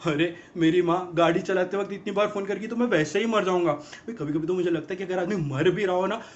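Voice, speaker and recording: An actor playing an exasperated young man in a rapid-fire, mocking film comedy monologue about girlfriends. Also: sits high, close to an everyday voice. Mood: ranting. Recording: dull lo-fi film audio.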